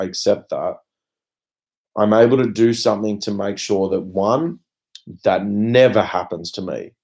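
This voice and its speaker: A young Australian man, a vlogger, rants to camera without a script in a lowish, warm voice. He's blunt and emphatic, swearing casually and drifting into trailing asides.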